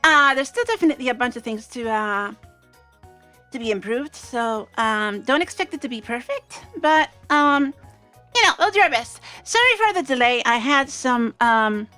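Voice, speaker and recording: A woman's voice: fairly high pitch, lively intonation, normal speed, pushed and bright, faint music behind. A bubbly, hesitant woman hosting a casual programming livestream, her pronunciation slightly off from a swollen mouth. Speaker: livestream host.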